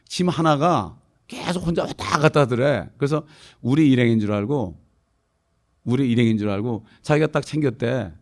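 A middle-aged man preaches a sermon in a loose, conversational way, telling anecdotes. He keeps checking in with the congregation through short questioning prompts. His delivery jumps between raised, emphatic lines and soft, low asides. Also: moderate pace. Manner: tells anecdotes casually, with informal speech mixed in. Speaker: pastor.

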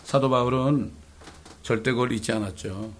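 A man's voice: medium pitch, steady tone, moderate pace, a little hiss or hum. A man preaching a sermon as pastor, with rhetorical questions and dramatic quoted lines. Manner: preaching with dramatic voiced scripture quotes and English phrases.

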